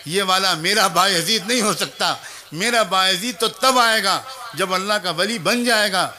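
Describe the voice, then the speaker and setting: A man's voice: very high voice, big pitch swings, sharp tone, voice pushed up, full character voice. A man in a sermon voicing a stern, devoted mother who firmly turns her young son away.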